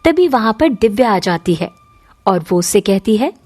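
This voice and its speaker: A woman narrating a moral cartoon story in an even storytelling manner. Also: mid-range voice, normal speed.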